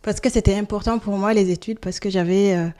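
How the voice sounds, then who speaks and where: A woman around forty from Senegal, answering interview questions in a hesitant, soft-spoken way with many pauses. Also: mid-range voice, steady tone. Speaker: guest.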